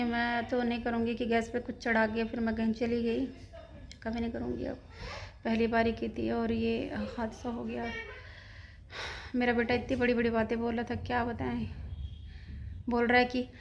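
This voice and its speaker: A shaken, anxious vlogger and mother speaks to her viewers from her kitchen, going over a frightening incident in detail. She talks at normal speed in a fairly high, monotone, creaky voice and pauses often.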